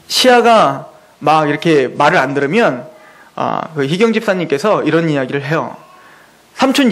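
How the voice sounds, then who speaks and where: A man's voice: on the high side, rough recording. A male pastor preaching an expository sermon, telling stories vividly, asking rhetorical questions and acting out quoted speech. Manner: animated storytelling with rhetorical questions.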